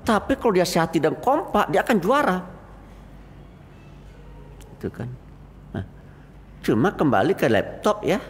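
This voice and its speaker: An older Indonesian man gives a lively after-dawn mosque sermon, telling stories and acting out the voices he quotes. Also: sits high, a little slow, pauses often. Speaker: preacher. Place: mosque hall. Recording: reverberant mosque hall, faint noise.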